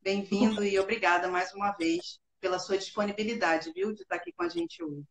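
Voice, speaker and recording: A woman's voice: medium pitch, lively intonation, brisk, gravelly, echoey room. A woman hosting an interview, friendly, often ending with tag questions. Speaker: host.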